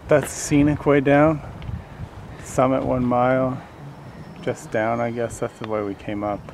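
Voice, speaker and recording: A young man co-hosting a hiking vlog chats and jokes in an upbeat way on a steep outdoor trail, and the camera audio is noisy. His voice is medium-pitched, fairly even, a little slow, creaky and slightly mellow.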